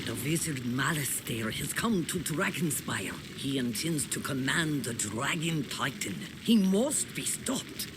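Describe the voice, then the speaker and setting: A man playing an earnest, worried mentor in a video game, speaking in a dramatic, deliberate way. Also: fairly high pitch. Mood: grave, urgent. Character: earnest, worried mentor guiding a young wizard. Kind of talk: video game character acting. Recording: clear background game noise.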